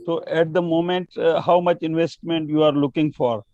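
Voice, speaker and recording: A man on a jury panel asking measured, somewhat hesitant questions. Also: a little high, little pitch movement, mellow. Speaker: jury member. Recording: dry, dull lo-fi audio.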